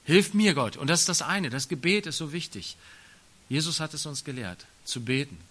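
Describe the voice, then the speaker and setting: A man preaching a sermon, emphatic and colloquial, dropping in quick tag questions between his points. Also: a little high, lively intonation, pushed and bright.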